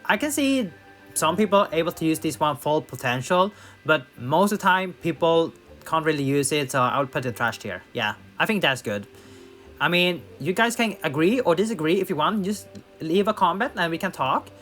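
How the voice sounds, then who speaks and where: Gaming commentator, male, higher voice, casual and thinking aloud, faint music bed. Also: lively intonation, normal speed, fairly bright tone. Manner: thinks aloud with fillers and restarts. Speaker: gaming YouTuber. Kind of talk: casual tier list commentary.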